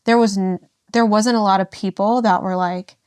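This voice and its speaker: A young woman talks openly as a guest, her voice sitting at a middle pitch. She speaks in halting, emotional bursts, restarting phrases and leaning on fillers. The sound is dry and close, with no room around it. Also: fairly even intonation, a little mellow, smooth, no echo. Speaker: podcast guest. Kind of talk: candid personal conversation.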